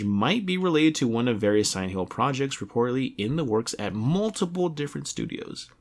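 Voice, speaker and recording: A young adult man hosting a casual video game podcast, talking in a rambling way with many restarts and fillers. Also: mid-range voice. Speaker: podcast host.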